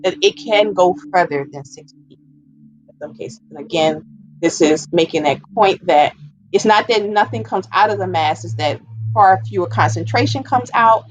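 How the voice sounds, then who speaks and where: A woman with a fairly low voice gives an informal, explanatory public health presentation at a normal pace, stressing and repeating her key points as an educator. The recording is rough.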